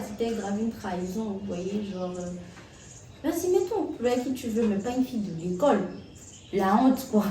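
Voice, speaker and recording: A young woman telling a story in a casual, animated way, full of slang and restarts, as a vlogger. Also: mid-range voice, recorded from a distance, noisy background. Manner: animated, excitable retelling with slang. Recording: roomy echo, set back from the mic.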